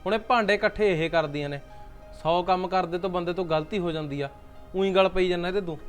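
A man's voice: sits high, faint music behind, close to an everyday voice. An actor playing a short-tempered young husband scolding his relatives in a family drama. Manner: quick, scolding.

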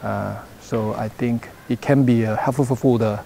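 Man with a mellow voice and halting English. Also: medium pitch, fairly even intonation, vocal fry, slight background noise. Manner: halting non-native English with many fillers. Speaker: product manager interviewee. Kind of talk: interview answers. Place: outdoors in front of a branded backdrop. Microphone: lapel mic.

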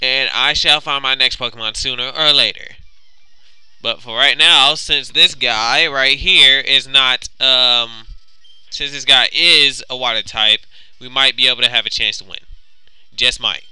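Bright, smooth-voiced young man narrating gameplay. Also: medium pitch, unhurried, no echo, low-quality recording. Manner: chatty, bickers with his co-host. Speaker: let's player. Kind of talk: casual gameplay commentary.

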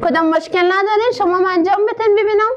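A woman with an Afghan Dari accent teaching a literacy class. She sounds out words slowly, syllable by syllable, and keeps asking the class questions. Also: extremely high pitch, highs cut off, background noise. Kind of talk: classroom lesson.

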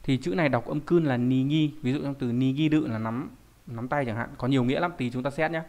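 A man's voice: mid-range voice, fairly quick, darkish tone. Man teaching kanji. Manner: explains patiently, often asks rhetorical check questions. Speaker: Japanese language teacher. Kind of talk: recorded online lesson.

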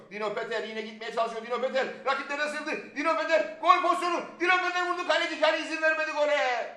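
A man's voice: high-pitched, a bit bright. A man giving live play-by-play football commentary. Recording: roomy, echoing sound.

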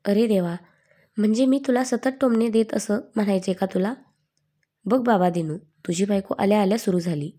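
A woman voicing a sharp-tongued, doting old grandmother who scolds and teases in a mellow storytelling voice. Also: a little high, normal speed, natural voice. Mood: scolding. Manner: teasing, scolding.

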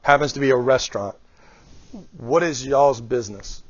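A man's voice: medium pitch, moderate pace, dry recording. A middle-aged man speaking as a guest speaker, giving a motivational talk on leadership and often putting questions to his audience. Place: small room before a live group. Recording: dull lo-fi, dry sound.

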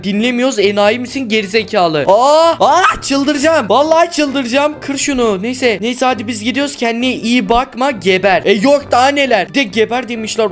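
A man doing Minecraft role-play commentary as a gaming YouTuber, excitable and quick to swear and shout at the characters. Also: very high voice.

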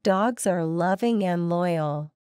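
A woman's voice: lowish voice, darkish tone, clean tone, dry recording. Woman reading practice sentences, dry sound. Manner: plain, deliberate delivery of short sentences. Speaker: English practice reader.

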